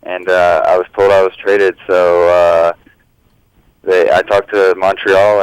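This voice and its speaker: A man's voice: low-pitched, clear, resonant tone, no room sound, low-quality recording. A young man, an athlete giving casual interview answers in an understated, hesitant manner. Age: young adult. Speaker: professional soccer player, interview guest.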